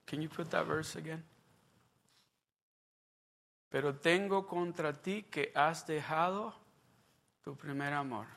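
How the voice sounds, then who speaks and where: A man in his fifties preaching a sermon as a pastor, going from quiet, low-key talk to loud, fervent preaching. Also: slow pace, creaky, long pauses. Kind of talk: bilingual sermon.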